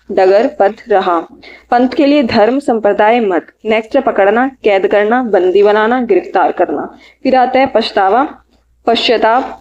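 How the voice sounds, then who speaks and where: Woman teacher rattling off hindi synonym lists, kinda high voice, muffled lo-fi sound. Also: darkish tone. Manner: lists words in short bursts, adds quick study tips. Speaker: exam prep teacher. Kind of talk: reading out synonym lists for an exam lecture.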